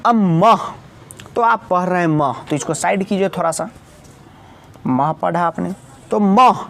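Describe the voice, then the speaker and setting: A high-pitched man teaching a grammar lesson, walking students through each rule slowly and calling on them again and again. He fixes his own slips aloud as he goes. A faint hum of traffic sits behind him. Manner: repetitive, addresses students often, corrects own slips. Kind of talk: explaining grammar step by step.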